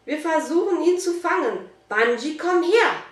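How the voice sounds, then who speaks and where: A woman's voice: high-pitched, expressive, moderate pace, voice pushed up. An eager young boy calls out in a raised, breathless voice, played by a woman reading aloud. The room echoes around the distant mic. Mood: urgent.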